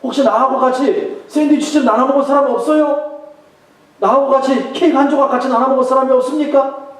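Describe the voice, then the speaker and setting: A pastor putting on a loud grumbling foreman. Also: very high voice, steady tone, brisk, voice pushed up. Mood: grumbling loudly. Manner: blustery mock-complaining, loud. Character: gruff loud male work-site foreman, grumbling. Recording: echoey hall, far from mic.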